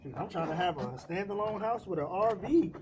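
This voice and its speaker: High-voiced man lecturing outdoors. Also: a little fast. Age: middle-aged. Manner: preachy, teasing fatherly talk in casual slang. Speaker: vlogger and father. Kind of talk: casual chat while washing a motorcycle. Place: outdoor driveway beside a house. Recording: dull outdoor sound with steady background noise.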